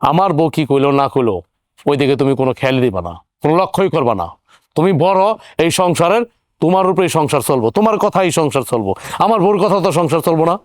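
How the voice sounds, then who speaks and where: Man as a hot-headed young son, indignant, smooth and clear, dry close mic. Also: fairly high pitch, expressive, fast talker, no room sound, natural voice. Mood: arguing. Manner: argumentative, indignant questioning. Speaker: younger brother-in-law. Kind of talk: TV drama acting.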